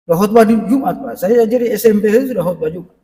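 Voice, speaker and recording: A man's voice: sits high, fast talker, dark tone. A middle-aged male preacher giving a conversational parenting lecture in a mosque and speaking directly to the congregation. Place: mosque hall. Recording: echoey mosque hall, mic at a distance.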